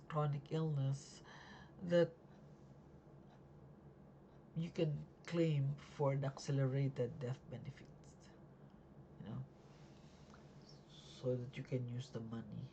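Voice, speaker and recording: Recorded at night in a casual home video, a novice life insurance agent walks through policies in a raspy, sleepy, warm voice of medium pitch. The delivery halts often with fillers and restarts, over slight background noise.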